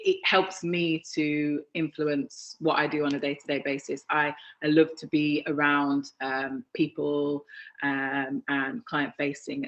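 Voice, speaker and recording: Young female architect, low pitch, hesitant delivery, dull video-call audio. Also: fairly bright tone. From England. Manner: hesitant, many fillers and restarts. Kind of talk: online talk presentation.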